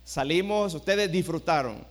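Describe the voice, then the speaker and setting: A middle-aged pastor preaches with a fairly high voice, dropping to a hush and then rising to a shout as he tells his story. The sound carries the long reverb of a large church hall. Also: unhurried. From El Salvador. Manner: storytelling, swings from hushed to shouted. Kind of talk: sermon.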